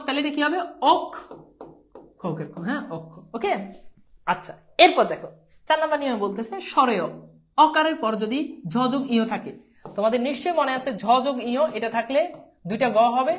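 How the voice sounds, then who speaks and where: High-voiced woman teaching a live lesson. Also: expressive, brisk. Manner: repetitive, quizzes students, drills pronunciation; sprinkles English words into speech. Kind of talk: live online grammar lesson.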